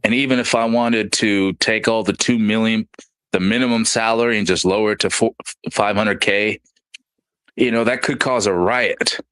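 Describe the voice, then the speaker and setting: A man's voice: on the low side, fairly even intonation, normal speed, a bit bright, clean tone, no echo. A man hosting a casual podcast, rambling loosely and reading out listener comments. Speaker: podcast host. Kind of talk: casual chat.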